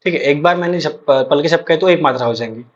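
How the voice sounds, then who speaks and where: A young man, teaching an exam-prep lecture and repeating points slowly with frequent check-ins. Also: a little high. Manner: explains slowly with many repetitions and check-ins. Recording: dull lo-fi recording.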